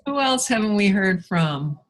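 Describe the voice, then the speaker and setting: A woman leading a workshop over a video call, brisk and friendly, moving the group along. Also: medium pitch, expressive, poor audio. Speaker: workshop facilitator.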